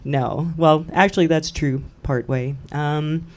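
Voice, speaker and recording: A woman from Hawaii, promoter of a cycling event, is a guest on a local radio show, telling her story chattily and laughing easily in casual conversation. Her voice sits low with a steady, slightly dark tone, and she speaks slowly.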